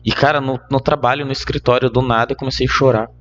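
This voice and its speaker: A young man with a Brazilian Portuguese accent, a podcast guest telling a personal story in casual chat, animated and laughing between lines. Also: medium pitch, fast talker, muffled recording, slight background noise. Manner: animated, laughs mid-story, many fillers.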